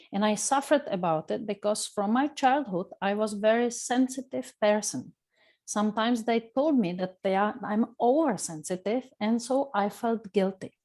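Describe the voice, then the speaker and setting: A woman's voice: medium pitch, warm tone. A middle-aged woman from Czechia with a Czech accent, speaking earnestly as a coach in a webinar. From Czech Republic. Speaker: coach and lecturer. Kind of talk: webinar talk. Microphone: video call.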